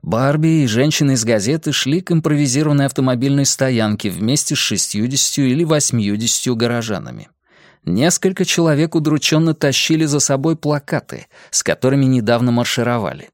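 Man reading an audiobook, lively up and down delivery, dry close sound. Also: medium pitch, a little fast, dry recording. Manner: expressive storytelling. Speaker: audiobook narrator. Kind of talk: scripted narration.

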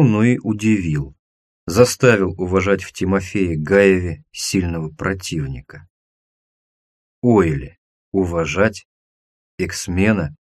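A man narrating a science-fiction audiobook in a measured, expressive reading. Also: lowish voice, no echo. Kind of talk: scripted narration.

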